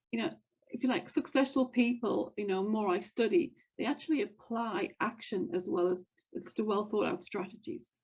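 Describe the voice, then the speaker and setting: A woman's voice: mid-range voice, warm tone, poor audio. Earnest woman coaching listeners. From United States. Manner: earnest, encouraging, repeats key phrases. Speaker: podcast host and wealth coach. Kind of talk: motivational monologue.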